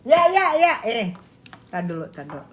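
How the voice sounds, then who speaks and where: A woman's voice: medium pitch, big pitch swings, normal speed, fairly bright tone. A woman chatting casually in gossip style, laughing a lot and exclaiming often in slangy talk. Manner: uses Jakarta slang. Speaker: gossip vlogger. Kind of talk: casual gossip chat reacting to viewers.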